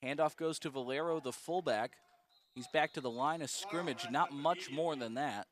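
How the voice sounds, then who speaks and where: A man calling live college football play-by-play, brisk and precise about each down and yard line. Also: a little high, a bit bright. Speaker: play-by-play announcer.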